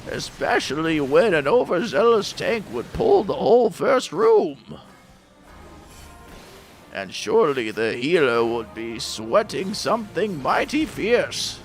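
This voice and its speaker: A man putting on a gravelly old-timer, alternating two voices. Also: fairly high pitch, exaggerated voice. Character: old man reminiscing, switching between two elderly voices. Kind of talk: gaming stream aside.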